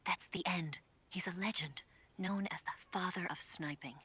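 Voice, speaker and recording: A knowing female spy in a video game. Her voice is low and husky but bright and crisp-edged, and she gives calm, hushed, measured briefings like a confidante. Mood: informative, hushed. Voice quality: breathy, husky.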